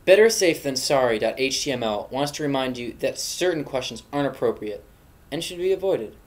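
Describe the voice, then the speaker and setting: A mid-range male voice with lively intonation delivers brisk, earnest scripted narration. The speaker, a young adult, hosts a mock safety video indoors in a dorm room, offering solemn, preachy advice. The recording has an echoey room sound.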